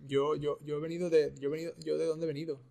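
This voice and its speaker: A man commentating a video game, excitable and repeating his phrases. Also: fairly high pitch, quick pace, gravelly. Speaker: streamer. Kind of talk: gaming commentary.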